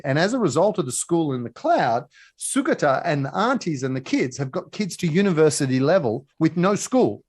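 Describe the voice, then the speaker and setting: A man giving a motivational leadership talk, telling a story in a lively way and acting out the quotes. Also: fairly high pitch. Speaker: speaker at a leadership session.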